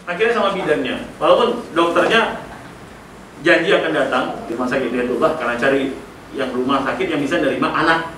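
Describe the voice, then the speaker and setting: A middle-aged man leading a school workshop, telling a story with lively acted-out dialogue. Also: fairly high pitch, a little fast. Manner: animated storyteller, acting out dialogue with laughter. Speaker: workshop speaker. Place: school hall. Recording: echoey hall, voice from a distance, noisy.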